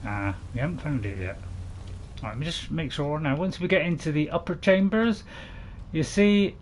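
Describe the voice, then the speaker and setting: Brief: male gaming host, chatty rambling commentary with excited outbursts, slightly high pitch. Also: normal speed, slight background noise. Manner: chatty and rambling, with sudden loud excited shouts. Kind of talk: casual gameplay commentary.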